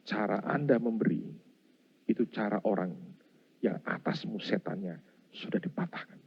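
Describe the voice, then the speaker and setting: A man's voice: lowish voice, moderate pace, gravelly, breathy edge. A middle-aged man, preaching a sermon and acting out his story, often calling the congregation Saudara. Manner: animated, acts out scenes, addresses congregation as Saudara. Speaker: pastor. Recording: dull lo-fi sound.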